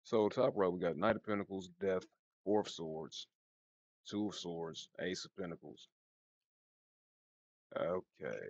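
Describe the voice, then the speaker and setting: A man reads tarot in a low-pitched voice over background music. His speech is informal and slangy, with a slight slur and lisp from the retainer in his mouth. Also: measured pace, long pauses, dry recording, highs cut off. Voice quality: slightly slurred, lisping speech from wearing a retainer. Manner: informal, slangy, laid-back. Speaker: tarot reader. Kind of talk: casual tarot card reading.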